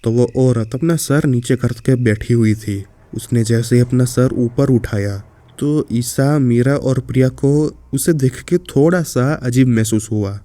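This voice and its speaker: A man's voice: mid-range voice, a little slow, mellow, no room sound. A man narrating a horror story in a casual way, speaking directly to the listener.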